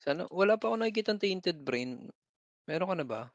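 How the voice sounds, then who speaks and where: A man's voice: sits high, lively intonation, a little fast, no room sound, muffled recording. A middle-aged man in casual gaming banter, laughing often and swearing. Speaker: gamer co-host.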